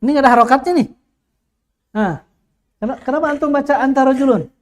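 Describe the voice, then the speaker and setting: A man's voice: very high voice, fast talker. A male teacher leads an Arabic grammar lesson. He quizzes his students constantly with short questions and repeats the key words until they stick.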